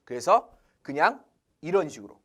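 A man leads a casual English lesson in an animated way. His pitch swings up and down as he asks himself questions and answers them. He drops English phrases in as he goes. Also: moderate pace, breathy edge. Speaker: English teacher.

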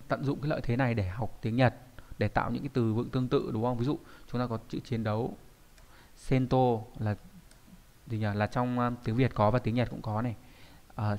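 A man teaching an online kanji lesson in a chatty, explanatory way, often pausing to check that his students follow. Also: mid-range voice, darkish tone. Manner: explanatory, with frequent checking tags. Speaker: Japanese teacher.

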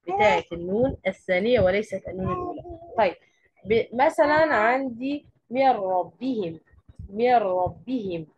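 A woman's voice: high voice, dry recording, muffled recording. A woman with an Egyptian accent teaching a tajweed lesson. She explains step by step and often asks questions and then answers them herself. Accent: Egyptian Arabic. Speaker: Quran recitation teacher.

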